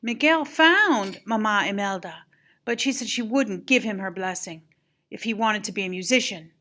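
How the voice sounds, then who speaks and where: A woman's voice: medium pitch, moderate pace. An older woman with a grandmotherly voice reads a children's story aloud, expressively and with dramatic emphasis. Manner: animated, dramatic emphasis on exclamations and key moments.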